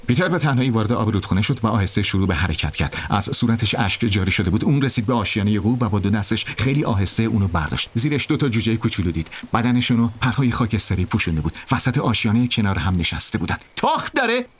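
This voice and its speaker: A man narrating a story aloud, in an expressive, dramatic reading style. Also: fairly low pitch, few pauses, slight background noise.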